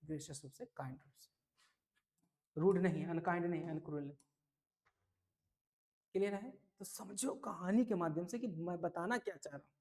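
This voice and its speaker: A man teaching English vocabulary for an entrance exam, lively and repetitive, often checking whether students follow. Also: high voice, moderate pace, pauses often. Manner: lively, repeats key words, asks "clear?" often. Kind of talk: exam-prep vocabulary lesson.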